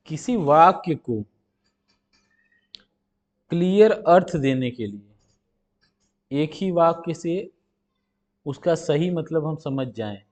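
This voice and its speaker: A male teacher going through multiple-choice questions, reading the English slowly and explaining it in Hindi with rhetorical questions. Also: on the high side, darkish tone. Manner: asks rhetorical questions and answers them. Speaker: ITI teacher.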